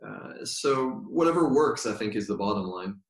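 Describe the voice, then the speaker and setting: A man who is a yoga teacher and guest, telling stories in a thoughtful, unhurried way with many pauses. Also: on the low side, animated. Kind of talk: relaxed storytelling in conversation. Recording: roomy echo.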